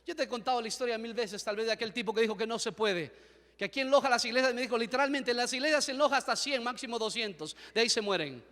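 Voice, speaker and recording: Fervent high-voiced Ecuadorian preacher. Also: male voice, quick pace. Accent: Ecuadorian Spanish. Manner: fervent, dramatic storytelling with rising shouts. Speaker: pastor. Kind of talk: sermon. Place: church hall. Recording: echoey church hall.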